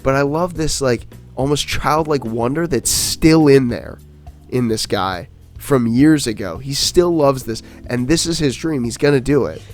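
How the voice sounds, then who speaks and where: A man co-hosting a podcast in casual chat, excited and rambling with many fillers and restarts. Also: medium pitch, unhurried, soft background music. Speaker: podcast co-host.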